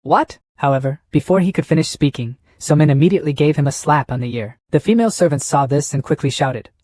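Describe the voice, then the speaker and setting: A man's voice: fairly high pitch, quick pace, mellow, dry recording, studio quality. Man narrating a story recap.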